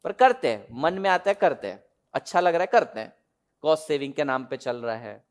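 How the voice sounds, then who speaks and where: A man's voice: on the high side, very animated, a little fast. A young man giving a classroom lecture as an exam tutor, explaining concepts with humorous everyday examples and frequent questions to students.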